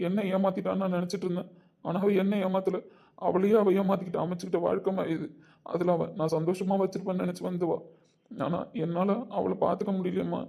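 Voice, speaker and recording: A man's voice: on the high side, mellow. A man playing a young husband who pleads earnestly with his mother. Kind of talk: web series drama acting.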